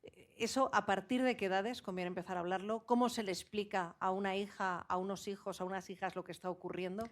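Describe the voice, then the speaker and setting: A woman's voice: medium pitch, steady tone, fast, hardly any pauses. A woman host interviewing a guest, asking questions and murmuring agreement while listening. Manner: attentive, frequent backchannel murmurs.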